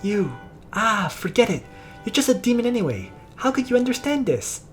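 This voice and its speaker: A woman voicing an excitable young female mage who scolds, whines and gets flustered, reading game dialogue aloud. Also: a little high, moderate pace, soft background music, pitched above the performer's own voice. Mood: scolding. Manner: whiny, scolding, easily flustered.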